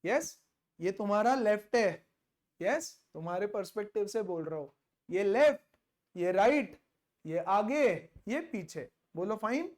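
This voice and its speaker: A male teacher leads a physics lesson at an unhurried pace, dwelling on each key word. He mixes English terms into his talk and playfully acts out small imagined exchanges to make a point. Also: high-pitched, expressive. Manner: mixes Hindi with English terms, repeats key words slowly.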